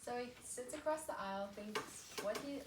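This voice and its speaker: A woman student narrating a history class presentation in a lively, jokey storytelling manner. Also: a little high, moderate pace, heavy background noise. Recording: echoey room, distant mic, music.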